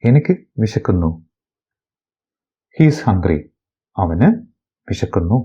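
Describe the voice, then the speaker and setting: A man from Kerala teaches a bilingual phrase lesson. He reads each sentence slowly and deliberately, then translates it. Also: sits low, animated, warm tone, slightly rough, highs cut off. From Kerala, India. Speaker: English teacher.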